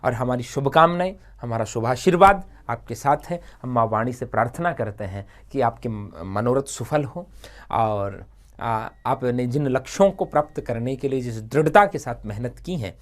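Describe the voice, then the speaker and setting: A man coaching exam candidates in a live talk, animated and repetitive, often checking in with "okay". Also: medium pitch. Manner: animated, repetitive, frequent "thik hai" checks. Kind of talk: motivational exam advice talk. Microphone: livestream setup.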